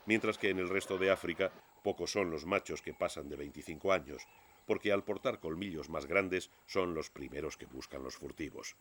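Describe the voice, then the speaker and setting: A man narrates a scripted nature documentary in a measured, expository storytelling manner. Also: low-pitched, fairly bright tone, slight background noise.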